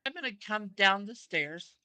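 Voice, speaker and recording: Bright-voiced woman playing a tabletop game. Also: mid-range voice, animated, moderate pace, clear, resonant tone, no room sound. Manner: describes her character's actions in first person. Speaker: player. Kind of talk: tabletop role-play.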